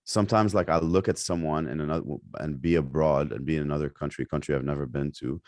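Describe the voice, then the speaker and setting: Podcast guest: young man from Lebanon, very low voice, loose chatty delivery full of fillers. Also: steady tone, fast, darkish tone, no echo. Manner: rambling, many fillers and restarts. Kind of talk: casual interview chat.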